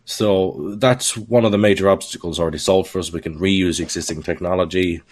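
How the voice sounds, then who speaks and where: A man's voice: sits low, a little fast. A man talking casually as a podcast guest, candid and joking, laughing often at his own remarks. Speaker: guest software developer.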